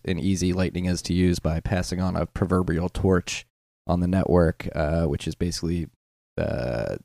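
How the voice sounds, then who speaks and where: A man with a very deep voice and a gravelly, fry-heavy texture. He talks as a podcast guest in a loose, unscripted way. He often hesitates and downplays what he knows, and the dry, close sound has no room echo. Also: a little mellow. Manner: hesitant, self-deprecating, many fillers. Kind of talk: casual podcast conversation.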